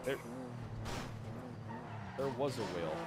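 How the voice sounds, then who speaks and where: A man playing a police chief in role-play chat, sarcastic and given to loud, profane outbursts. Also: medium pitch, animated, slow, over music.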